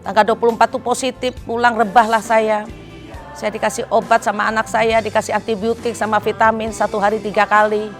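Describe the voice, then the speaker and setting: A woman's voice: on the high side, flat delivery, fairly quick, faint music behind. A middle-aged woman with an Indonesian accent, giving an emotional personal testimony in church. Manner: emotional, heartfelt storytelling, pleading in recalled prayer.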